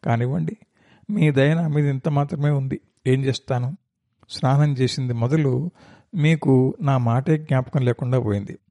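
A man's voice: medium pitch, normal speed, long pauses, warm tone, dry recording, lightly acted. A man voicing a young male cowherd servant in a read-aloud story, talking in a complaining, pleading way. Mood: sulky.

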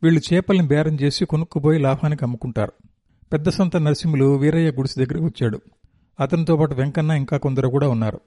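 Mellow male story narrator. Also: a little high, fast, no room sound, clean studio sound. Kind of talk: reading a novel aloud.

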